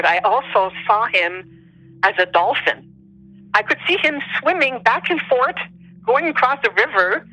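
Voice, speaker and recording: Bright-voiced non-native English-speaking woman, searching for words. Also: a little high, no room sound, poor audio. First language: not English. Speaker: interview guest telling personal stories. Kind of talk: personal storytelling, conversational.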